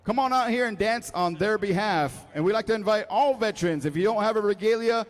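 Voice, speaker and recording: A man working as a powwow emcee, announcing ceremonially to a live gathering, with drawn-out introductions and calls to the crowd. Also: sits high. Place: large echoey indoor school venue. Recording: echoey hall PA with music.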